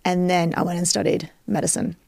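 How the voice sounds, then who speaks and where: Speaking fairly quickly in a low, slightly mellow, creaky voice with fairly even intonation, an Australian woman teaches her area of expertise as a podcast interview guest. She's didactic, checking comprehension with tag questions as she goes. The recording is dry and studio-clean.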